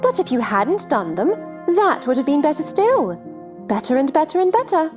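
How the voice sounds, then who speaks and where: A giddy, scatterbrained queen, pitched high and swooping all over. She is fussy and fluttery, helpless yet insistent, in theatrical storybook style. Faint music plays behind her. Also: very animated, moderate pace. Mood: airy, matter-of-fact. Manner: fluttery, nonsensical insistence, crying out. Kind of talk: theatrical children's storybook drama.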